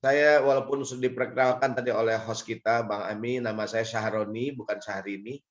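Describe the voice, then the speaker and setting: Male Islamic preacher, Indonesian accent, raspy mid-pitched voice, conversational teaching delivery, slightly muffled lo-fi recording. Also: fairly even intonation, a little fast. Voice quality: hoarse, raspy. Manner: conversational, lightly joking, explains step by step. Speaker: Islamic preacher and guest speaker. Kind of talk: informal religious lecture with Arabic recitation. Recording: dull, lo-fi audio.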